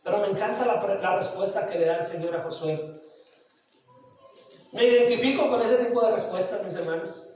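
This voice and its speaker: A man's voice: high voice, fairly quick, pauses often, a little mellow, faint music behind. A man pastor preaching a sermon at a worship service, passionate and asking the congregation rhetorical questions. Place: church sanctuary during a worship service. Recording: echoey church hall from a distance.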